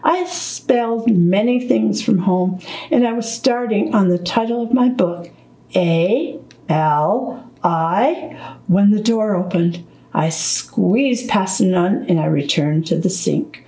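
A woman reading a children's book aloud at storytime, slow, deliberate and gentle. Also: medium pitch, creaky, echoey room, rough recording. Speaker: storytime reader.

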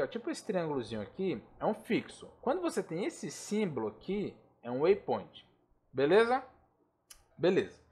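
A Brazilian man explaining aviation charts in a casual, slangy tutorial, constantly checking in with the listener. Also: high voice. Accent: Brazilian Portuguese. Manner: chatty and informal, slangy asides, checks in with the listener often. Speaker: air traffic control instructor. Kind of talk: casual screen-share tutorial.

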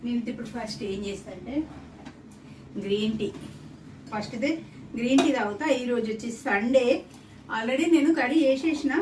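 A chatty home cooking vlogger with a Telangana Telugu accent, a fairly high, darkish voice, and normal speed rambles and repeats herself with long pauses while cooking in her indoor home kitchen. The roomy recording uses a distant mic that clearly catches the kitchen sizzle. Sizzling oil and clattering pots and pans fill the background.

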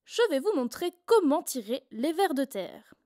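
A woman voicing a proud, bossy mother hen in a storybook read-aloud, speaking in a brisk, announcing way. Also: high voice, sing-song, mellow.

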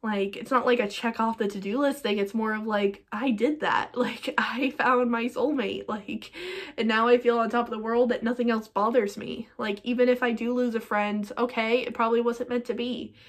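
A woman's voice: fairly high pitch, steady tone, normal speed. A young woman talking to camera in a personal vlog, emotional and rambling with lots of fillers, a little teary. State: teary-eyed. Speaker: vlogger.

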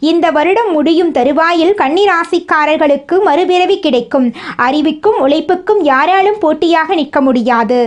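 A woman with a high voice and a Tamil accent presents an astrology forecast. She speaks in short, steady, declarative statements, each prediction given as a plain certainty.

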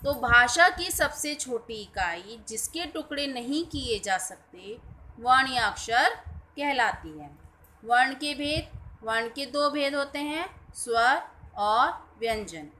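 A woman teacher explaining a grammar lesson to children, speaking clearly and repeating examples while checking that the class understands. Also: sits high, animated, slow pace, sharp tone, rough recording. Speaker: school teacher.

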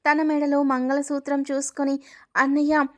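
A woman's voice: fairly high pitch, flat delivery, normal speed. A woman narrating a family story, reading every character's lines in her own voice. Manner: reads all dialogue in her own narrating voice; breaks off to ask viewers for likes.

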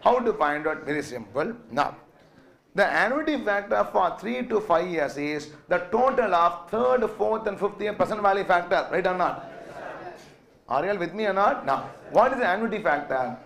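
Higher-voiced South Indian man lecturing. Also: animated, moderate pace, gravelly, fairly bright tone. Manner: repetitive, asks and answers own questions. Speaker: finance lecturer. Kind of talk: classroom lecture with dictation and check questions.

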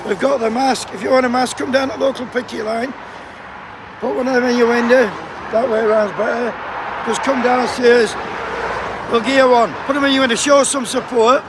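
With an extremely high pitch, fairly even intonation and a moderate pace, a Sheffield man speaks in a Yorkshire accent. He's a striking postal picketer bantering with passers-by in the cold, swearing freely as he goes. The casual vlog was filmed on a picket line beside a busy road, with traffic noise throughout.

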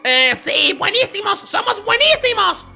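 A man voicing an excitable, mischievous little ghost sidekick, eager and giggly, in a toy-dinosaur story. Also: very high-pitched, unhurried, creaky, soft background music, pitched above the performer's own voice, heavily acted.

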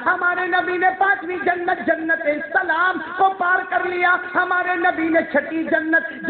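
Man, preacher, sermon, call-and-response, high voice, dramatic highs and lows, tinny, crowd noise. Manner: urges the crowd to answer back; dramatic swings between high and low delivery. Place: mosque. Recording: echoey, tinny mosque recording with crowd.

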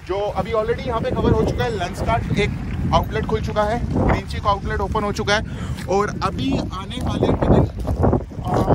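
A man from Delhi giving a chatty walking vlog tour outdoors, mixing English words into his talk and often adding "theek hai". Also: high voice. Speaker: vlogger touring an area. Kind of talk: casual walking vlog commentary. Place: outdoors by a road. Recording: outdoor wind and traffic noise. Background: loud wind and passing vehicles.

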